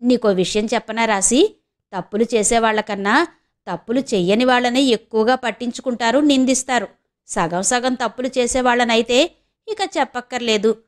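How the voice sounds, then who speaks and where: A sly, scheming old mother, voiced by a woman narrator in an audio novel. She drags out her words in a slow, insinuating drawl, her voice sitting fairly high. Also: natural voice. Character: scheming elderly village mother, sly and blunt.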